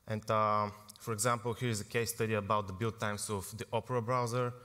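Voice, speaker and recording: A young Bulgarian man gives an informal technical talk at a conference, his lowish voice level in tone, slightly quick, pushed and bright. He fills his speech with fillers and keeps correcting himself. The large hall adds a long reverb to the recording.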